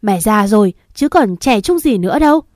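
A woman's voice: medium pitch, lively intonation, normal speed, darkish tone, no room sound, clean studio sound, close to an everyday voice. A woman voicing an old, injured wife crying out shrilly in pain and despair. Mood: anguished.

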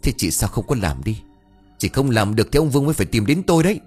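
A man voicing a young second wife who is calm but firm and answers back curtly. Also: medium pitch, fast talker, breathy edge, pitched above the performer's own voice. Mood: retorting. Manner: sharp, curt comebacks. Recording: faint background music.

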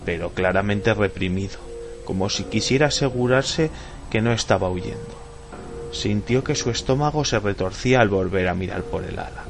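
Man, audiobook narrator, measured suspenseful horror reading, gravelly voice, faint music. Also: on the low side. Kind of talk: scripted horror story narration.

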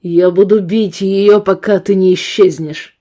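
A woman's voice: medium pitch, fairly even intonation, unhurried, warm tone, lightly acted. A woman reading the lines of a brutal, threatening male ex-convict gunman in an audiobook, barking coarse threats. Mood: menacing.

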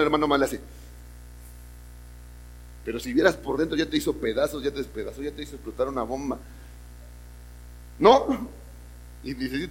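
A man's voice: fairly high pitch, slightly rough. A man with a Mexican accent preaching a sermon to a congregation, asking them questions and acting out voices. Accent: Mexican Spanish. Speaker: pastor. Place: church service hall. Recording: long reverb of a hall.

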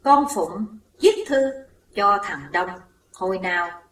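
A woman's voice: mid-range voice, expressive, takes it slowly, slight background noise. A woman voicing a frightened older mother, shaken and guilt-ridden, recorded in a roomy space away from the mic. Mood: shaken pleading. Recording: roomy echo, distant mic.

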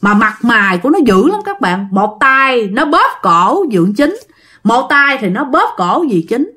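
Southern vietnamese lady chatting through a ghost story, lively up-and-down voice, talks right to the listeners. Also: a little high, unhurried. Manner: chatty, addresses listeners directly; acts out characters' lines in quotes. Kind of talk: casual spoken ghost story narration.

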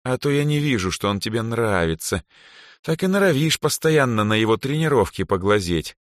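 A sulky, bored teenage girl, as a man reading a storybook puts her on. She drags her words out slowly and flatly, with dry sarcasm. The voice sits close and dry. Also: medium pitch, no room sound, pitched above the performer's own voice, close to an everyday voice. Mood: bored, sarcastic. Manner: slow, flat and listless.

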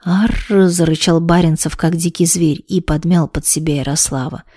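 A woman narrating an audiobook in a calm, even storytelling manner. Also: sits low, a little fast, no room sound, studio quality.

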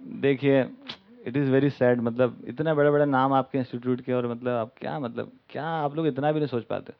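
A man's voice: sits high, normal speed, lightly acted. A man voicing a haughty, condescending corporate donor who scolds and talks down to people. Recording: dull lo-fi recording.

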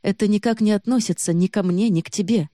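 A woman's voice: fast, dark tone, no room sound, studio quality, lightly acted. A woman reading the lines of a young woman who is bewildered and pleading. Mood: firm. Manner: pleading, rising in pitch.

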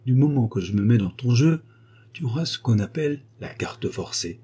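In an audiobook, a man voices a cynical male journalist who seems jovial but is scheming underneath. His brisk, mocking, commanding delivery has lively intonation and a dark, slightly husky tone pitched a little higher than his plain narration.

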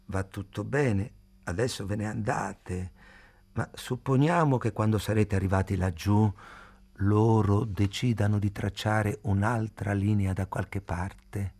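A man reading aloud, voicing a stubborn frail old man who speaks slowly and gravely. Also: fairly even intonation, darkish tone. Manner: slow, low and grave.

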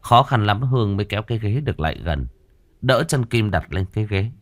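A man narrating a horror story, dramatic and expressive. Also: on the low side, brisk, no echo.

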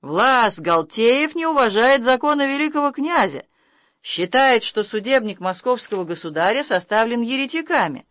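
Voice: mid-range voice, expressive, normal speed, fairly bright tone, no echo, pitched above the performer's own voice, lightly acted. Narrator doing a proud young nobleman, firm and raised, dry close sound. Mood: defiant. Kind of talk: audiobook reading of character lines.

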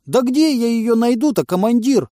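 A man's voice: extremely high pitch, animated, moderate pace, warm tone, no room sound, clean studio sound, voice pushed up. A man voicing a cowardly young male stoner and moonshiner who whines and pleads in a squealing voice. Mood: pleading. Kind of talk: audiobook character voice.

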